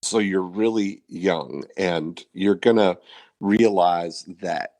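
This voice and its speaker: A man's voice: low voice, takes it slowly, a little mellow. A man in his fifties hosting a podcast, talking in a reflective, rambling way with many fillers. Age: 50s. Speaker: podcast host. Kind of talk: casual interview chat.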